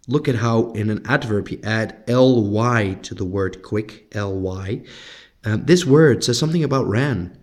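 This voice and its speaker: A man with a Dutch accent teaches English grammar in a recorded lesson. His voice sits at an ordinary middle pitch. He walks through each rule patiently, with plenty of small fillers. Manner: patient, explains step by step with frequent fillers.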